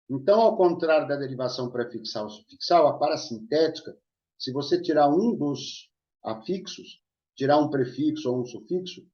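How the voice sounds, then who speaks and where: Here a man teaching Portuguese online lays out grammar points, frequently stopping to check on his listeners. His voice sits at medium pitch with a somewhat dark tone, and the lo-fi recording sounds dull and reverberant.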